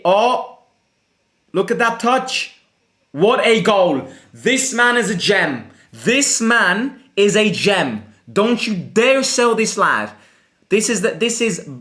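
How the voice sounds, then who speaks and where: On his fan channel, a young man from Italy runs a live football watchalong in a slightly high voice. He keeps things casual, responds to viewer questions, and gets excited whenever the action heats up.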